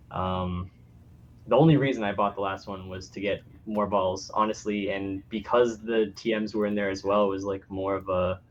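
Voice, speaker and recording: Man, lowish pitch, dull audio, casual chat, hesitant, trailing off. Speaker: podcast panelist.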